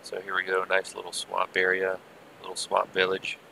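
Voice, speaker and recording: A man giving casual, rambling live gameplay commentary with muttered asides, heard through low-quality stream audio from an old headset. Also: completely flat delivery, normal speed, creaky, pushed and bright, slight background noise. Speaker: game server streamer.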